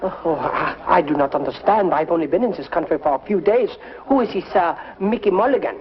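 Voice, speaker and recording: A man's voice: fairly high pitch, animated, fairly quick, crowd noise, natural voice. An actor playing an eager young American man who stammers and puts on a bad fake French accent in a 1950s sitcom. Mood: hammy. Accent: fake French put on over American. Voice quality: hesitant, stammering, comic. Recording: dull 1950s TV soundtrack with noise.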